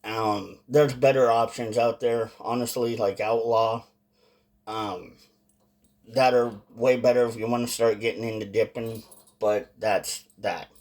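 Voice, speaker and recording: A man giving a casual, informal vlog-style review in a halting way, stressing words for emphasis. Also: mid-range voice, fairly even intonation, a little mellow. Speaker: product reviewer.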